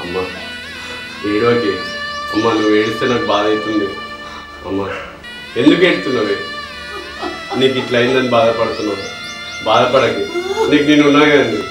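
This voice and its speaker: A man with a Telangana accent playing a loving young son and husband who speaks in a soft, pleading, tender way. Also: mid-range voice, brisk, pauses often, lightly acted. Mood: tender, grieving. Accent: Telangana Telugu. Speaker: actor. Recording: echoey room, mic far off, music.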